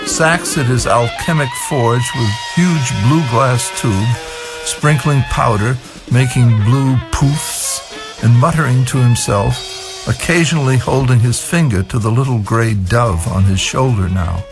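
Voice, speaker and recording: A man's voice: mid-range voice, unhurried. A man reading screenplay stage directions in a matter-of-fact way for an audio drama. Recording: music playing behind.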